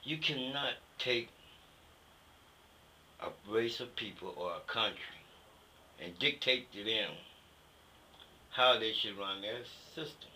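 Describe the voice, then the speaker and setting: Slowly, with frequent pauses, an older American Vietnam veteran looks back in a conversational interview, his mid-range voice sharp in tone. His speech is blunt, colloquial and emphatic, dotted with "you know." It's a rough recording with a little background noise.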